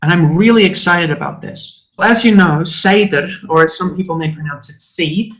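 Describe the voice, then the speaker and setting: Man, higher register, earnest and passionate teacher in casual chat. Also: brisk, fairly bright tone, rough recording. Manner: earnest, passionate, occasional swearing. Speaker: spiritual teacher. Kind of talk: conversational podcast chat.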